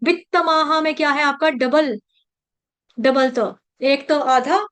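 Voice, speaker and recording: A woman's voice: sits high, measured pace, fairly bright tone. A woman teaching how to pronounce and recite a Sanskrit verse, breaking words into syllables and explaining their meaning patiently.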